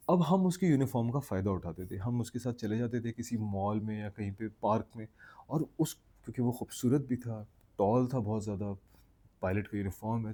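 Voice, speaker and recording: A man from Pakistan, telling a funny personal anecdote in a casual, animated way, acting out his friends' lines. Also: mid-range voice, husky. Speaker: storyteller.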